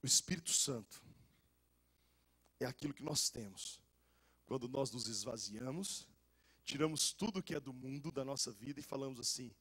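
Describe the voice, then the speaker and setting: A young adult man, a pastor with a Goiás accent, preaching a lively sermon full of jokes, stories and casual slang. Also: mid-range voice, normal speed, long pauses, breathy edge. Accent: Goiás Brazilian Portuguese. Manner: animated and joking, with casual slang.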